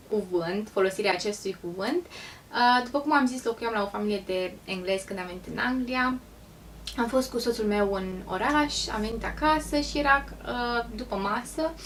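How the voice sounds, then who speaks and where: A woman from Romania telling stories in a casual vlog, chatty and pausing often with ums. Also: mid-range voice, recorded from a distance, a little hiss or hum. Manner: chatty, pauses with frequent ums. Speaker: vlogger.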